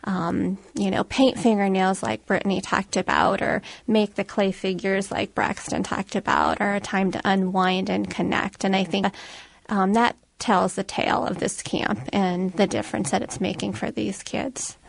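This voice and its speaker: A woman guest answering in a radio interview with plain explanations and frequent ums. Her voice has a noticeable fry and stays fairly even in melody, recorded dry and close. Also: medium pitch, moderate pace, no echo. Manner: plain-spoken explaining, filler-heavy. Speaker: hospice program worker, interview guest.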